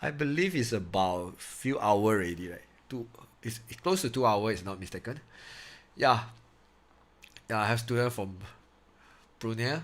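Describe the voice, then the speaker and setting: A young Malaysian man with a Malaysian English accent tutors maths in a live-streamed class, chatting casually with students, laughing often and using loose, easygoing grammar. His lowish voice is expressive, at a moderate pace.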